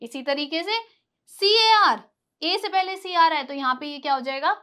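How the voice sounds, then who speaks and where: A woman with a very high, bright, sharp voice teaches a lesson. She asks her own questions and answers them right away, repeating each example word slowly for the class. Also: animated.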